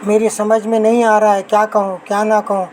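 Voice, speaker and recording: A woman reading an audiobook novel, voicing a talkative, excitable middle-aged wife and mother who chatters without pause. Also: mid-range voice, a little hiss or hum, natural voice, rough recording. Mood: gushing. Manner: gushing nonstop chatter.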